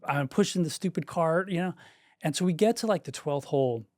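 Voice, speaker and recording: A man's voice: on the high side, brisk, a little mellow, dry recording, clean studio sound. A man co-hosting a podcast, telling a story as a golf parent in a casual, emphatic way and swearing freely. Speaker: podcast co-host.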